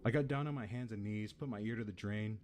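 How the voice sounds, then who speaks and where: A man's voice: on the low side, fast, darkish tone, a little hiss or hum, lightly acted. A man with an American accent playing a laid-back, foul-mouthed tenant who rambles through an eerie story in casual audio-drama style. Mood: uneasy.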